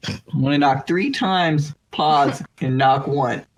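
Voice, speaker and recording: A man's voice: on the high side, slow pace, noisy background. A man casually bantering as a player in a tabletop role-playing game.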